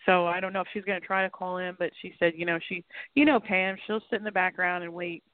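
A woman's voice: on the low side, fairly even intonation, fast, no room sound. A woman chatting casually as a talk show panelist, hesitant and repeating herself. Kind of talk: casual chat. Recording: dry, tinny phone-line audio.

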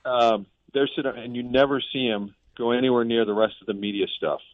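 Calling in over a tinny phone line from a boat in a harbor, a male sports reporter previews an upcoming game in relaxed, analytical conversation. His voice is medium-pitched and steady in tone, his pace brisk, and the recording dry.

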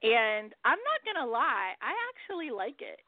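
A woman's voice: fairly high pitch, big pitch swings, normal speed, dry recording. A woman hosting a radio show in casual chat, who swears freely and laughs often. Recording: dry, phone-like line.

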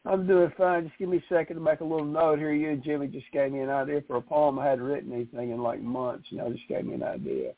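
A man calling in to a radio show over a phone line, chatting casually in an animated, rambling way. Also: on the high side, fast, few pauses. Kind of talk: casual on-air chat.

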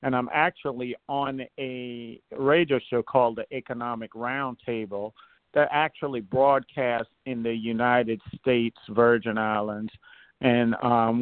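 A man's voice: mid-range voice, no echo. A man from Trinidad and Tobago, a political candidate, speaking earnestly as a guest on a talk show with many fillers and restarts. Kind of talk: phone-in interview, casual. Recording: tinny phone line, dry.

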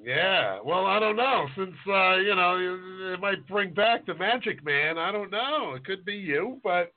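A man's voice: sits high, animated, unhurried. A chef in his forties chatting casually, rambling and self-deprecating with a joking manner. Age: 40s. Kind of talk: casual podcast chat. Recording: tinny phone-like line.

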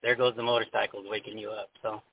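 A man's voice: lowish voice, level tone, fast talker, husky. Man calling in over a phone line. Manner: easygoing, mild-mannered complaining. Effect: caller heard over a phone line. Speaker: radio show caller. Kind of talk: casual call-in chat. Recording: tinny dry phone line.

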